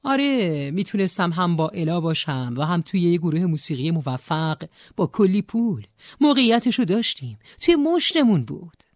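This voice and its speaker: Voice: mid-range voice, sing-song, few pauses, no room sound, studio quality, lightly acted. A narrator voicing a weary, defensive young woman, a former singer, in an audiobook. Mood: wistful. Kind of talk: audiobook character voice.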